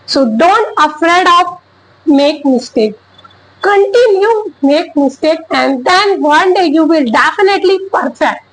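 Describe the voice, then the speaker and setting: Speaking to camera about learning English, a Chhattisgarhi-speaking woman with an Indian accent uses simple, encouraging sentences but often pauses to search for words. Her voice is extremely high, and the poor audio carries slight background noise.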